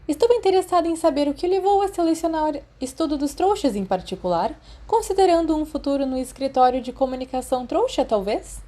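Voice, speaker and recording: A woman's voice: high-pitched, lively intonation, mellow, voice pushed up. A Brazilian woman voicing a formal, tactful elderly female professor in an audiobook story. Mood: probing. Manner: formal, measured.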